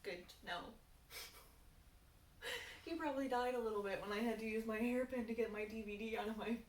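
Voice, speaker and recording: A young woman chatting casually in a rambling, relaxed stoner way, swearing freely and sounding a bit high. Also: a little fast. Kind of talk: casual chat, Q&A. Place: indoors, on a couch. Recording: echoey room, distant mic, faint noise.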